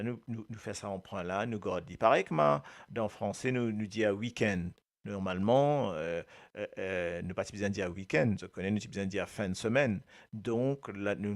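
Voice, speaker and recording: A man's voice: fairly low pitch, vocal fry. A man with a Mauritian accent, hosting a casual radio talk about Creole words; he hesitates with many filler sounds, laughs often and speaks to listeners by name. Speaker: radio host.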